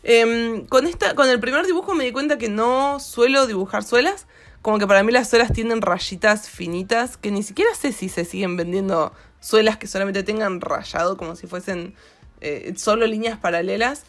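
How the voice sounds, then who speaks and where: A woman's voice: mid-range voice, moderate pace. Woman, Argentine accent, art vlog host, casual rambling chat, many fillers. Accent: Argentine Spanish. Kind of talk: casual chat over drawing footage.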